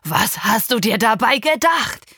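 A woman voicing a domineering middle-aged father who shouts and threatens in harsh bursts, in an audiobook reading. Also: on the low side, a little slow, breathy edge, no room sound. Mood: enraged.

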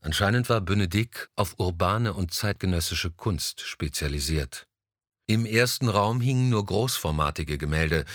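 A man narrating a novel with expressive, measured delivery and a fairly low voice that moves through a wide pitch range. The sound is dry and close, with no room echo. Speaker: audiobook narrator.

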